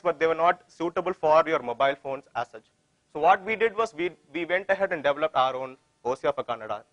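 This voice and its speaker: A tech conference presenter with an Indian accent gives an informal technical talk, often repeating phrases and posing questions he then answers himself. His voice is on the high side and a bit bright, with no room sound, and the recording is low quality.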